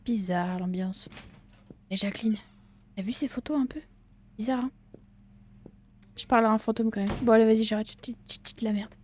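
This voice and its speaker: Brief: woman gaming creator, casual horror-game commentary, playful and loose-mouthed, voice a touch high. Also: normal speed, long pauses, a little mellow, a little hiss or hum. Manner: chatty, jokey, talks back to game characters; casual swearing and slang. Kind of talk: let's-play commentary.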